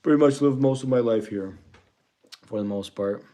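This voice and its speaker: Born in Russia and raised in the US, a man in his forties chats casually on a trading livestream, rambling, thanking viewers, and chuckling often. His voice is warm and mid-range at a normal pace.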